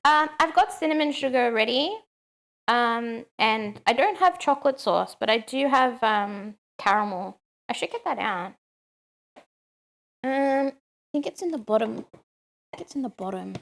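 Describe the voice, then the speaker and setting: A fairly high-voiced woman talks casually through a cooking live stream. She is chatty and loose, filling pauses with "um" and answering chat as she goes. It sounds like she is in her home kitchen. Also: animated, vocal fry, fairly bright tone.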